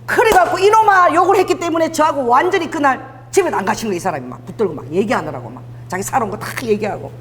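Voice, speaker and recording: A woman pastor preaching a sermon, telling stories in an animated way and laughing as she goes. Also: a little high, very fast, big-room sound, a little hiss or hum.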